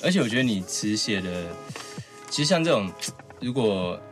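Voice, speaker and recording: A man's voice: lowish voice, sing-song, normal speed, music in the background. A man hosting a podcast, teasing the guest playfully and slipping English words into casual chat. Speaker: podcast host.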